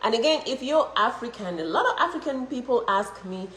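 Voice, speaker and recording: A woman's voice: on the high side, fairly quick, a little hiss or hum. Chatty Cameroonian-born woman in an echoey room. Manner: chatty, laughs often, lively emphasis. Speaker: health vlogger. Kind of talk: casual show-and-tell vlog.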